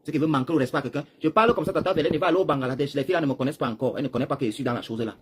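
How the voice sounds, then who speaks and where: A Cameroonian man rambling through a live stream, talking straight to his viewers and swinging between loud bursts and hushed asides while seated. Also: on the high side, very fast, slightly rough. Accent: Cameroonian French. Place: seated, chair.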